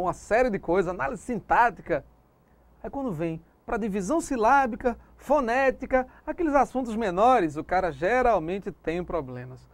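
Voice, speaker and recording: A man's voice: high-pitched, no echo. A man with a Brazilian Portuguese accent teaching a recorded exam-prep lesson, drilling points with call-and-response questions and putting on the student who asks them. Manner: plays the student asking himself questions.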